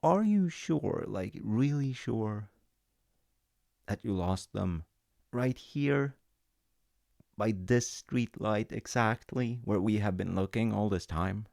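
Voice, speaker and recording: An audio roleplay storyteller plays a dad, telling a comforting story slowly and gently with self-mocking asides. His voice is very deep and gravelly with lively intonation, recorded dry and close to the mic.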